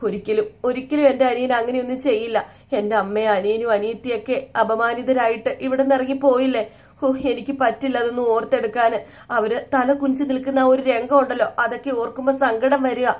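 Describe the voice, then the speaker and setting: A woman doing a wounded young wife, aggrieved, pleading, fairly high voice. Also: fairly even intonation, fast, close to an everyday voice. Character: hurt, grieving young wife.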